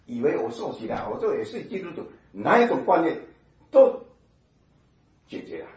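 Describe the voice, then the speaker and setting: A man giving a personal testimony sermon, telling his story in an animated way with sound effects. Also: fairly high pitch, moderate pace. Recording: echoey hall from far off, dull sound.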